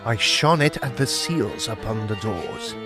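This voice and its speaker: A man with a fairly low voice, wide pitch swings and a slightly slow pace plays a grave, fearless ghost hunter in an audio drama, with music behind him. He narrates his own ghost story in the first person, theatrical and suspenseful, sounding awed and tense.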